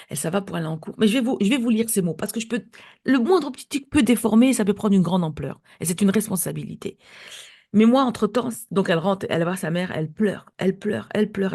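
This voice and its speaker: Woman host, low and raspy with vocal fry, emotional monologue, drops in Arabic expressions. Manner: animated, repeats words, Arabic religious expressions. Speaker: podcast host.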